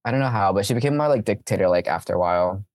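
A woman's voice: very deep voice, expressive, rapid-fire, darkish tone, no echo. Host, young woman, loose rambly storyteller, dry close sound. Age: young adult. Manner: rambling, filler-heavy with lots of "like". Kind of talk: casual storytelling chat.

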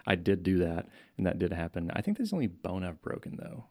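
A man's voice: low voice, sing-song, quick pace, dark tone. A middle-aged man co-hosting a casual chat, telling rambling stories full of stammered restarts. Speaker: co-host.

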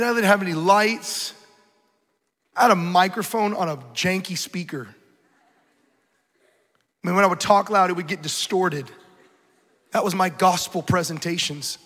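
In a reverberant church hall, a man in his thirties delivers a passionate sermon, urgent and emphatic, leaning on rhetorical repetition. His voice is high-pitched and a bit bright, moving at a measured pace with long pauses.

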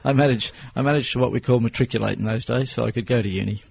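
In a plain-spoken, measured way, an Australian business owner in his sixties answers interview questions. His mid-range voice is creaky and husky.

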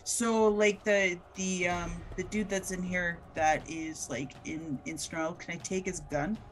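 A woman's voice: lowish voice, steady tone, measured pace. Hesitant woman player, faint music behind. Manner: hesitant, stumbling, many restarts. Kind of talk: casual tabletop game play.

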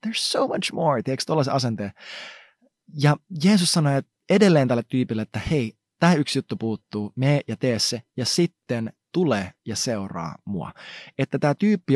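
A man delivers a relaxed devotional talk in an easy, chatty way. His pitch rises and falls a lot as he acts out small asides while retelling stories. The recording is close and dry, with no room sound. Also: no room sound. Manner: conversational, slangy, animated retelling with acted asides. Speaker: preacher. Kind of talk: casual devotional teaching.

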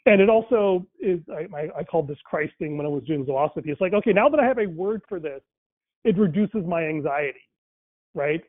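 Brisk and animated, a man with a rather high voice and Tamil as his mother tongue muses about faith and language in a relaxed way, full of fillers and restarts. The sound is dry and tinny, like a phone call.

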